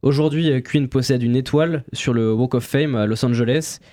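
A man's voice: medium pitch, mellow, no room sound, clean studio sound. Hesitant young male radio columnist. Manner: halting, many fillers and restarts. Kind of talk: reading a history segment on air.

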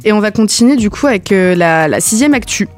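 A woman's voice: mid-range voice, lively intonation, fairly quick, darkish tone. Chatty French-speaking woman host. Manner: chatty, laughs at own slips. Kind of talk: casual music talk show.

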